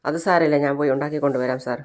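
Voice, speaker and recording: A storyteller doing a caring young woman from a television serial, soft at first but quietly insistent as she coaxes, with barely any change from the plain retelling voice. The pitch sits at a middling height. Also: fairly even intonation, rapid-fire, natural voice. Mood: earnest.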